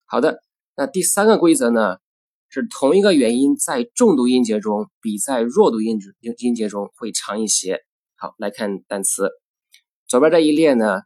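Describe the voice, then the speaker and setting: A man teaching English pronunciation in a recorded lesson. He works through the rules step by step, using filler particles, and models English example words in a measured way. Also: on the low side, a little mellow, no echo.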